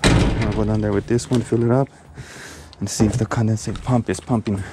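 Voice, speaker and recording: A man working as an HVAC technician, explaining his maintenance steps in a relaxed way with plenty of fillers, a little out of breath from his mask. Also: on the low side, a little fast, very noisy. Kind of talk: casual how-to narration while working. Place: house basement and yard, on a service call.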